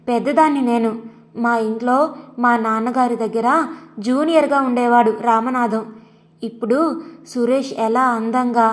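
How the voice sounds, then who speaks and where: A woman's voice: on the high side, lightly acted. Woman reading as a bitter wounded aunt.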